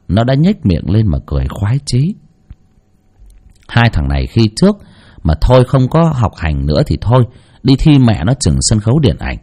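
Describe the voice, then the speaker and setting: A man narrating a spooky folk story in an expressive storytelling voice, with mocking asides. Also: lowish voice.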